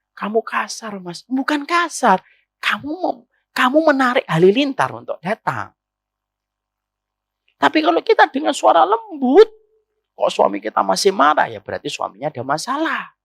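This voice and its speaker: A man's voice: very high voice, creaky, a bit bright, no room sound. A man preaching an Islamic sermon to women, often putting rhetorical questions to his listeners.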